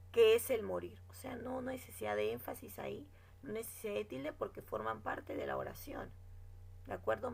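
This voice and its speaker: This female teacher's voice is fairly high and gravelly as she goes over grammar rules in a classroom lesson. Speaking slowly, she reads example sentences out loud and checks understanding with "¿no?" and "¿de acuerdo?"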